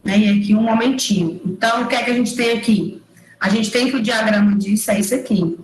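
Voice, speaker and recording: A woman lecturer giving an online engineering class, explaining step by step and checking in with quick tag questions. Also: a little high, darkish tone, reverberant, a little hiss or hum, rough recording. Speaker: university lecturer. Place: room at home or office, recorded over a digital platform. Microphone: computer mic on a video call.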